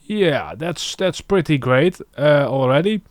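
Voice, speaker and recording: With a voice on the high side, animated and measured in pace, a man talks through a music production session in a casual screen-recorded tutorial. He thinks out loud as he goes. A little hiss or hum sits under the audio.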